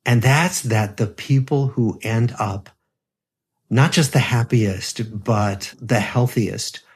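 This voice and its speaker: A man in his seventies, a psychiatrist guest on a podcast, explaining things in a calm, measured way. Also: medium pitch, breathy edge. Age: 70s. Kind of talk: podcast interview.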